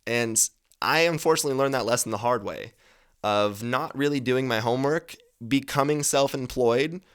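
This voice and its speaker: A man's voice: mid-range voice, moderate pace, a bit bright, clear, resonant tone. A man in his twenties hosting a podcast, giving advice in a casual, rambling monologue, swearing freely and correcting himself as he goes. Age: 20s. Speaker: podcast host.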